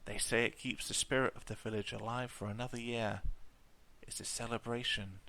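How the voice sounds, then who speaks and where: A man's voice: mid-range voice, fairly even intonation, normal speed, vocal fry, bright, forceful tone, low-quality recording. A man voicing a chatty, kindly middle-aged village landlady with homely, rambling talk.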